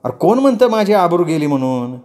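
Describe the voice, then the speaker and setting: A man's voice: high voice, sing-song, fairly quick, a little mellow, pitched above the performer's own voice. A man voicing a playful, affectionate young village woman, talking in rustic village speech in a raised voice. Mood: pleading, teasing.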